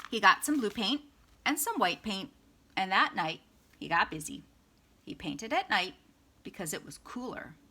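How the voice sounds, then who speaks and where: A woman reads a picture book for children with a very lively, swooping pitch. Her voice is bright and forceful with a slightly husky edge. She leans on key words with dramatic, expressive emphasis. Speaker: storytime reader. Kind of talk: animated children's picture book read-aloud.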